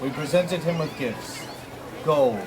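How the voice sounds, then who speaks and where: A man's voice: fairly high pitch, takes it slowly. A man playing a proud, welcoming Magi king, projecting to a crowd in theatrical live storytelling. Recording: outdoor crowd noise.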